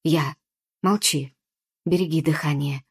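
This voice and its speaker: A hushed wind spirit murmurs steady, gentle encouragement in a whispered role-play, voiced by a woman reader. The voice stays soft and even, lower than a usual speaking voice. It sounds unhurried and reassuring. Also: husky, heavily acted. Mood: soothing. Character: silent wind spirit, calm whispering guide.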